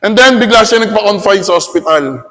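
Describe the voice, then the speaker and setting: High-voiced Filipino man lecturing in a hall. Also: brisk. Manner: animated, asks the audience "okay?" often, switches between Tagalog and English. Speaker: teacher giving a seminar talk. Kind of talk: lecturing to an audience, mixing in personal stories.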